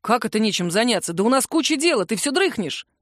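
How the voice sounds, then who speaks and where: A woman's voice: a little high, sing-song, fast talker, no echo, studio quality. A woman reading a story, voicing a cheerful, pushy young man who teases his friend awake. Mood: teasing.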